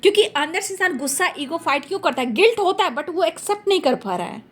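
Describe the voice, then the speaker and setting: A woman's voice: very high-pitched, expressive, fast talker, a bit bright. A woman doing a tarot reading for her viewers, talking emphatically and repeating phrases for stress. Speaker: tarot reader.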